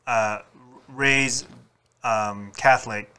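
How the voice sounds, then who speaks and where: Bright-voiced man with a light Filipino accent. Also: medium pitch, extremely slow, clear, resonant tone. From Philippines. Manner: animated, posing questions. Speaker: podcast co-host. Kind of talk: casual podcast chat.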